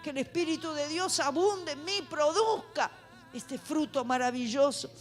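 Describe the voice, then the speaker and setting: A woman preaching a fervent sermon in church, building to shouted exhortations. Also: sits high, a little slow, soft background music. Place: church sanctuary.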